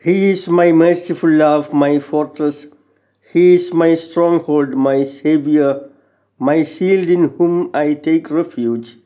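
A middle-aged man reading scripture and psalms solemnly as a lector, in a measured, formal way. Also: on the high side, mellow. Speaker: lector at Mass. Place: small chapel, indoors. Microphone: gooseneck lectern microphone.

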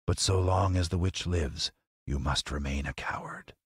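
Guy doing a scary fire wizard from a storybook, hushed n husky, super low, bossy and cold. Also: moderate pace, no room sound, clean studio sound. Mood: cold, commanding. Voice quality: low, quiet, breathy. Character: great and terrible wizard as a fireball, cold, commanding.

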